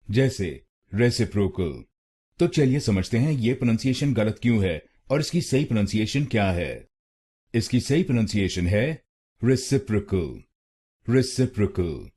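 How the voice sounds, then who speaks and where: A man with an Indian accent giving a scripted pronunciation lesson, drilling a word slowly syllable by syllable and repeating it. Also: lowish voice, lively intonation, dark tone, breathy edge. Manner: slow, syllable-by-syllable drilling with repetitions. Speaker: pronunciation teacher.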